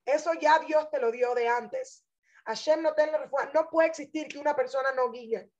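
A woman's voice: high voice, moderate pace, darkish tone, dull audio. A woman religious teacher telling her personal testimony in an inspirational talk, earnest and emphatic, speaking straight to her listeners.

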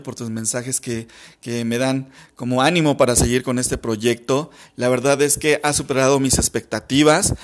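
A man hosting a personal podcast and leading a guided meditation, gently repeating phrases as he searches for words. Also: medium pitch. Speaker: podcast host.

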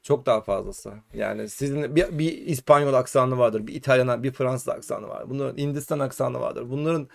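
A man from Turkey hosting a casual live-stream chat, animated and urging his viewers on. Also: mid-range voice, normal speed, creaky, hardly any pauses. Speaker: host.

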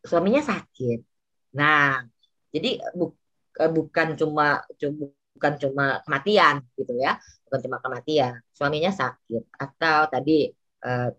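A middle-aged woman from Indonesia, talking as an interview guest who gets heated and passionate, and who acts out quoted lines in a higher voice. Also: a bit bright, lo-fi sound. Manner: passionate, quick to get heated. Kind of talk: casual interview talk.

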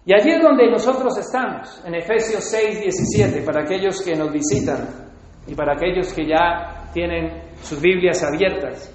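High-voiced preacher in a booming hall. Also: male voice, normal speed. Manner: emphatic, swings between loud and soft. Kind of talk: sermon. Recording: heavy reverb of a large hall.

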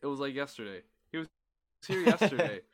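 A young man hosting a casual podcast chat with friends, slow-talking with loud joking bursts. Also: mid-range voice, big pitch swings. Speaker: podcast host.

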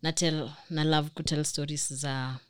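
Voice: mid-range voice, level tone, measured pace, clean tone, no echo. A young guest with a Kenyan accent chats casually in an interview. The voice is recorded dry, with hardly any room sound. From Nairobi, Kenya. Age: young adult. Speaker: podcast guest, film student.

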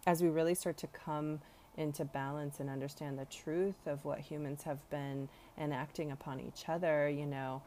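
A woman's voice: low voice, dark tone, a little hiss or hum. A woman hosts a podcast, musing earnestly in a rambling, reflective monologue full of fillers. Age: 40s. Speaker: podcast host.

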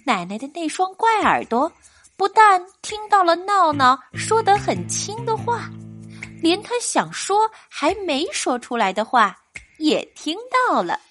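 A woman with a high, bright voice narrates a children's picture book. She reads slowly and expressively, her pitch rising and falling widely as she tells the story gently for young listeners. Soft music plays faintly behind her. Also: very animated.

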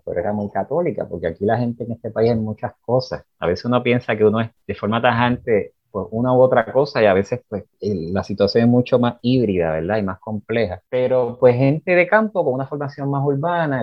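A Puerto Rican man, a writer and poet, talking reflectively in an interview, pausing often to search for his words. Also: medium pitch, lively intonation, no room sound, lo-fi sound. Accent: Puerto Rican Spanish. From Puerto Rico. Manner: thoughtful, searching, many fillers like "pues" and "¿verdad?".

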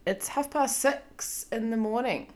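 Hosting a solo podcast episode, a New Zealand woman in her thirties speaks at a measured pace in a voice on the high side. Her manner is chatty and self-deprecating, dotted with ums and little laughs.

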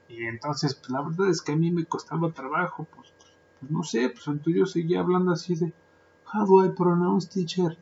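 A man's voice: fairly high pitch, creaky, a little hiss or hum. A man with a Mexican Spanish accent hosting a casual podcast monologue, chatty and joking, with lots of filler words. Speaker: podcast host, translator and interpreter. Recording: dull lo-fi sound.

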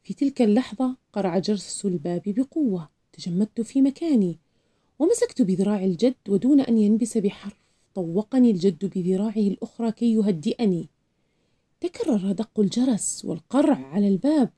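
A woman narrates a novel in the first person as an audiobook reader. Her delivery is expressive and dramatic. Her voice is very dark and mellow and sits at a middle pitch. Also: a little fast, breathy edge.

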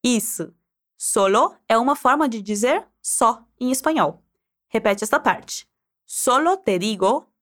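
Lively woman teaching Spanish. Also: fairly high pitch, unhurried. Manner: encouraging, prompts listener to repeat aloud. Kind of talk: guided pronunciation drill.

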